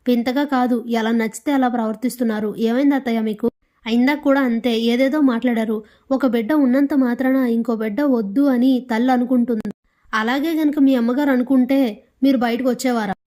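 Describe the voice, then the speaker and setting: A defiant young wife, voiced by a woman narrator, speaks up firmly for herself and her daughter. Her voice is high and plain, and it carries the feel of a serial recap. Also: fairly even intonation, a little fast, dark tone, natural voice.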